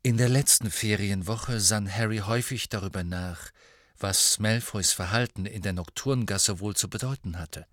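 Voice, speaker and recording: A man narrating an audiobook in scripted, expressive storytelling. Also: on the low side, no room sound, clean studio sound.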